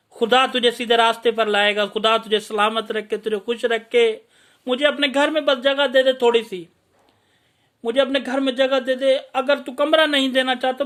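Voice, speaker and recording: A man voicing an elderly mother who pleads softly and stays devoted to her son. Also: very high-pitched.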